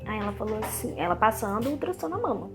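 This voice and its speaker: A woman in her thirties with a Brazilian Portuguese accent appears as a guest and animatedly tells a personal story in conversation, acting out the dialogue she recounts and often restarting her sentences. Her voice is mid-range and fast, with music in the background.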